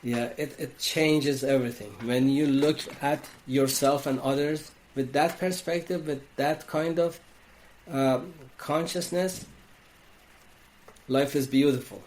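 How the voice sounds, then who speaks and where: A man from Iran with an Iranian accent, a wellness coach speaking as a podcast guest, talking in a slow, reflective way with frequent restarts. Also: mid-range voice, steady tone, darkish tone, a little hiss or hum. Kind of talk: reflective interview talk.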